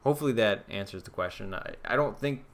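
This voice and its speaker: A young man streams live about fantasy football, thinking aloud casually and answering viewer questions with lots of ums and restarts. His lowish voice is expressive and fast.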